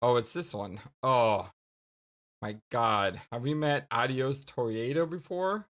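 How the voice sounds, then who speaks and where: A woman's voice: extremely low pitch, slow pace. A woman doing casual let's play commentary, rambling as she thinks aloud. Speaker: let's player.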